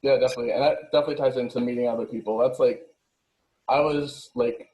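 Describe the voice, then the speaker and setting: A man's voice: medium pitch, steady tone, quick pace, a little mellow, rough recording. A young man hosting a casual interview, asking questions in a friendly way with trailing restarts. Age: young adult. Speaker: host.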